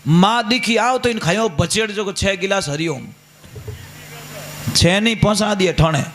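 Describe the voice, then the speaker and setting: A man's voice: sits high, unhurried, fairly bright tone, a little hiss or hum. A man with a Rajasthani accent giving a sermon, telling family stories and acting out the dialogue in his own voice. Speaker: preacher.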